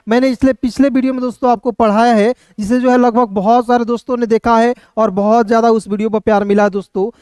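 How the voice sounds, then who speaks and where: A man's voice: very high-pitched, darkish tone, clean tone, no room sound, studio quality. A man teaching an online English reading lesson, spelling words out letter by letter and repeating himself patiently as he addresses viewers as friends.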